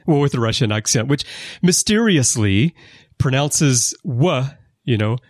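A man hosting a casual podcast conversation, explaining background at length with lively emphasis. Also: mid-range voice, unhurried, no echo, clean studio sound. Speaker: podcast host. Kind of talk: casual conversation about a TV series. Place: lives in Japan.

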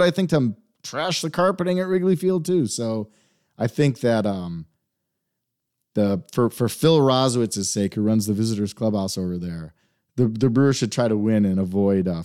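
A man's voice: lowish voice, warm tone. A man co-hosting a casual sports podcast, chatty and self-deprecating, laughing often. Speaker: podcast co-host.

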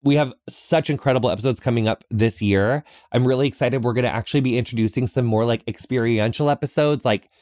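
A man's voice: medium pitch, quick pace, hardly any pauses, darkish tone, no room sound, studio quality. A man hosting a podcast in a chatty, effusive, campy and slangy way, recording in a small closet lined with clothes. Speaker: podcast host. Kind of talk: casual, chatty monologue answering listener questions. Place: small carpeted closet full of clothes, sound absorbed.

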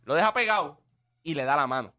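A man co-hosts a casual sports debate, cutting in and talking over the others. He speaks fast with a lively, up-and-down pitch. His tone is bright and slightly high. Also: faint music behind. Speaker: podcast co-host.

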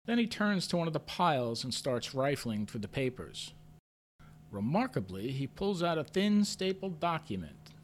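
A man narrating a story in first person with a measured, understated delivery, lifting sharply when his character asks questions. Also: fairly high pitch, very animated, slight background noise. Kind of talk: audio drama narration.

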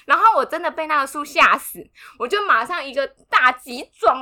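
A young woman, co-hosting a podcast and telling a story in an animated, dramatic way, laughing as she goes. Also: high voice, a little fast. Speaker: podcast co-host. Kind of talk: casual storytelling chat.

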